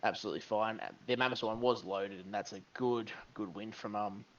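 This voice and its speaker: A man's voice: on the low side, fairly even intonation, fairly quick, dull audio, slight background noise. Male caster breaking down the plays. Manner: analytical play-by-play. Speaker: esports caster. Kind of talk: live game commentary.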